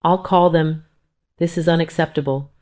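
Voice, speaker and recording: A woman's voice: sits low, steady tone, normal speed, darkish tone, close to an everyday voice. A woman reading as a shocked ex-husband. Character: surprised middle-aged ex-husband.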